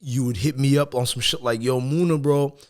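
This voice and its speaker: A man's voice: mid-range voice, steady tone, a little fast. A young man from Zimbabwe, a guest musician, telling stories in a humble, grateful way on a casual podcast.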